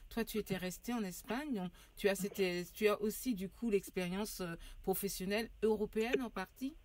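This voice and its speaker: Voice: mid-range voice, moderate pace, darkish tone. A podcast host interviewing a guest casually, with short backchannels and hesitant questions.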